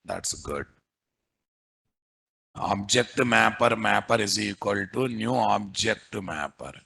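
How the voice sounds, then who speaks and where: A man's voice: lowish voice, slow pace, gravelly, bright, forceful tone, breathy edge. A man with a Telugu accent teaching a live coding class as the instructor, repeating himself and peppering students with questions. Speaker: programming instructor.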